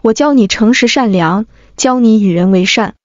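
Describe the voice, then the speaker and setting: A woman reading as a grieving gentle mother. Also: a little high, normal speed, no room sound, close to an everyday voice. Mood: tender sorrow. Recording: dry, dull lo-fi.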